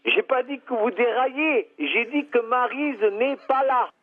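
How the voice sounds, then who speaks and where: A man's voice: extremely high pitch, expressive, a little slow. A man answering the phone at a hair salon, curt and exasperated. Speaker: hairdresser's husband answering the phone. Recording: tinny phone line.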